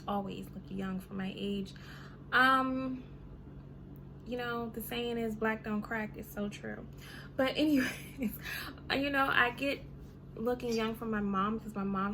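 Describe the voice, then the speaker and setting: Here a thirties-aged woman vlogger rants casually to camera, chattering away with plenty of "you know" and "um". Her voice sits a little high, and there's background noise behind her.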